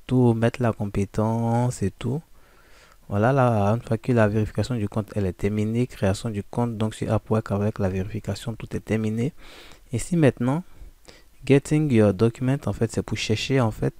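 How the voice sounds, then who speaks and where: A man giving a casual, informal software walkthrough, addressing the listener directly with frequent fillers. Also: on the low side, no room sound. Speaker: software tutorial presenter. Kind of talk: casual screen-recording walkthrough.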